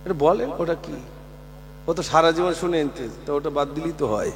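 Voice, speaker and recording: A man's voice: a little high, brisk. A man preaching a fiery sermon at a religious gathering, rising into sing-song chanting and calling out to the crowd. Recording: long reverb with faint mains hum.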